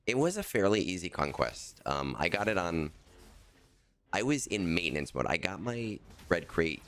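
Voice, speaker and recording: A man's voice: sits low, sing-song, normal speed, fairly bright tone. A man streaming a game and chatting in a casual, rambling and joking way, his voice scratchy in the morning. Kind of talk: casual live-stream chat.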